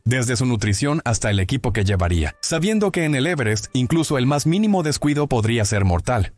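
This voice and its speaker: A male narrator tells a true story in scripted documentary style. His delivery is dramatic and lively in pitch, with a soft bed of music under his voice.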